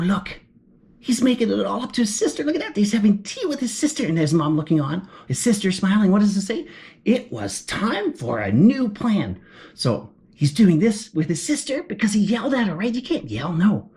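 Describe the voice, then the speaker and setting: With a mellow, medium-pitched voice, a woman reads a picture book aloud to children. She gasps in surprise and puts questions to her listeners as she turns the pages, in an animated read-aloud style.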